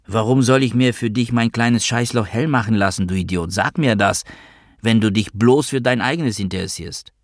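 A man's voice: on the low side, normal speed, no echo, clean studio sound, close to an everyday voice. A man reading as a fiery, cursing woman. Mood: furious. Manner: cursing, accusing. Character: fiery, bitter woman in her thirties.

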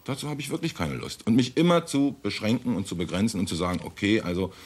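An actor playing an embittered man fed up with a confined life, ranting in a rushed, exasperated way. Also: fairly low pitch, expressive, breathy edge.

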